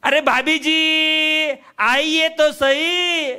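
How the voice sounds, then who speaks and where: A man's voice: extremely high pitch, fairly even intonation, extremely slow, pushed and bright, voice pushed up, heavily acted. A man voicing a persistent male street saree seller with wheedling, repetitive sales patter. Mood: coaxing.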